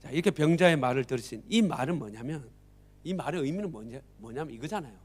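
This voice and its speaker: A man preaching with a high, very lively voice that climbs into shouts and drops to near-whispers as he acts out the scene. He is a missionary giving a dramatic sermon at a church service. He plays each character in turn. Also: fast talker, husky.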